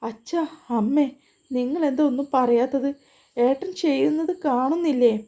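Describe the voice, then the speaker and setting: A woman's voice: medium pitch, flat delivery, normal speed, dark tone, natural voice. A woman voicing a frightened young woman who pleads through tears, in a spoken family story. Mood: tearful pleading. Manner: tearful, pleading questions.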